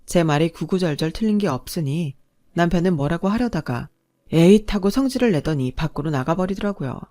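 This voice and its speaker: A woman's voice: fairly low pitch, animated, brisk, warm tone. A woman narrating a first-person family story with an indignant, emphatic manner.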